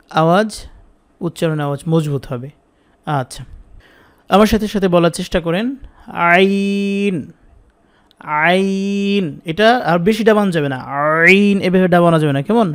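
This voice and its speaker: A man teaching Quran pronunciation, patiently repeating drawn-out sounds for students to echo. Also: fairly high pitch. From Bangladesh. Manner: drawn-out demonstration syllables. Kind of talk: online Quran pronunciation lesson.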